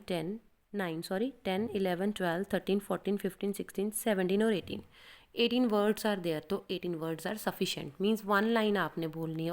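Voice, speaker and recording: Lady teaching exam prep, chatty and friendly, reads example lines real slow. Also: medium pitch. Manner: reads sample sentences aloud very slowly and deliberately; friendly, addresses learners as beta. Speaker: PTE exam coach. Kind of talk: casual Hinglish teaching.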